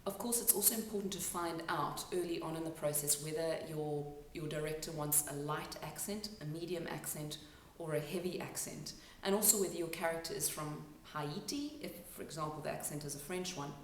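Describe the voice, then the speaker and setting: A woman with a low voice teaches an accent lesson, breaking each sound down patiently. She is recorded in a reverberant room with the mic set back from her. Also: slight background noise. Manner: explanatory, pauses to demonstrate sounds. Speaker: accent and dialect coach. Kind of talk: instructional talk to camera. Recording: echoey room, mic at a distance.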